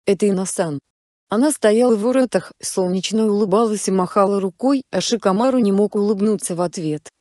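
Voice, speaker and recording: A woman narrating a story in a calm, steady reading voice. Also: medium pitch, fairly quick, hardly any pauses, no echo, studio quality. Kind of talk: storybook narration of fan fiction.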